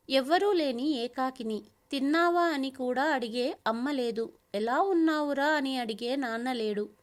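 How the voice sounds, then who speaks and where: A woman voicing a lonely man who earnestly advises his office friend. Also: sits high.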